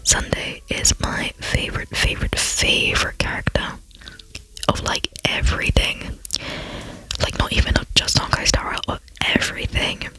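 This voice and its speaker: An ASMR channel host whispering softly while talking through gameplay, rambling and chatty with frequent fillers and self-deprecating asides. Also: moderate pace, rough recording.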